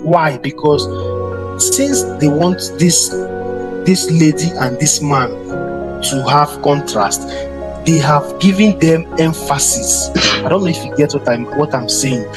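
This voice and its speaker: A man's voice: a little high, unhurried, low-quality recording. A man teaching a design class, often repeating and restarting his words and speaking straight to his students. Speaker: design instructor. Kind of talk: classroom lecture on slides. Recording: voice over strong background music.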